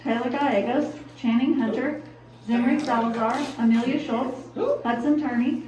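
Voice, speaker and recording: A woman on the school intercom, briskly reading out a formal announcement and a list of names. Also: fairly high pitch, fairly even intonation. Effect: school intercom loudspeaker. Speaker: school office staff making announcements. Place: classroom, heard over a ceiling speaker. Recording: muffled distant loudspeaker in echoey classroom.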